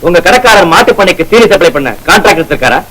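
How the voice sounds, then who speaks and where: A man's voice: high-pitched, expressive, racing, a bit bright, poor audio. An actor playing a stern male police officer who questions a suspect with curt, barking lines, in old film style. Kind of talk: 1950s film acting.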